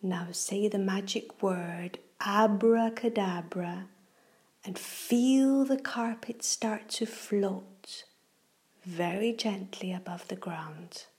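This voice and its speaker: Slow, half-whispering woman guiding children's meditation. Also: medium pitch. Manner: soft, breathy, half-whispered, gentle delivery; slow, deliberate, soothing phrasing. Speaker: host of a children's relaxation show. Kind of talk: guided meditation for children, read from a book.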